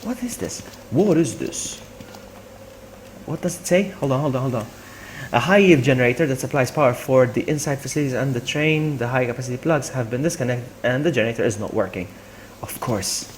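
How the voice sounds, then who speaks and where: With a mid-range voice and a fairly quick delivery, this man chats excitedly with viewers while streaming a video game, his commentary full of exclamations and repeated phrases. The low-quality recording carries a slight hiss or hum.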